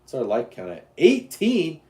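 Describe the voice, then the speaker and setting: A man's voice: mid-range voice, expressive, a little slow, a little mellow. Man, from Utah, live-stream host, casual rambling, joking, echoey room. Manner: rambling, answers chat questions, jokes around. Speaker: YouTube livestream host.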